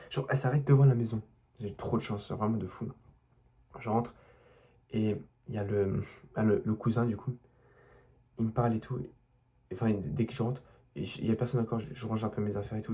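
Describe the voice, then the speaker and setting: A man's voice: lowish voice, fairly even intonation, a little fast, mellow. A young man from France telling a personal story in a rambling, unscripted way, full of restarts and asides to the listener. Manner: rambling, many restarts and fillers, addresses listener directly. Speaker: vlogger.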